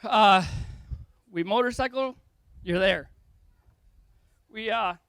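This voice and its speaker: A young man with a high, bright voice gives a wedding toast for his brother. He is tearful and rambles a little, laughing between his lines. The sound is close and dry. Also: slow pace, clear, resonant tone, no room sound. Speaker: brother of the groom giving a toast.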